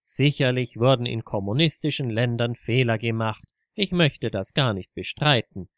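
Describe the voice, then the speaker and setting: A man's voice: medium pitch, moderate pace, no room sound, lightly acted. Guy reading a scornful left-wing man snapping back at friends, storybook reading, dry sound. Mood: indignant. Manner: indignant, scornful. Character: indignant left-wing man, quick to anger.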